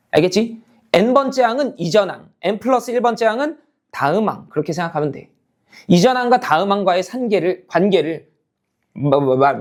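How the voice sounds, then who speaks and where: A man teaching a math lesson, explaining step by step, repeating key points and constantly checking that the class follows, switching between casual and polite speech. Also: high voice. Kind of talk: lecture to students.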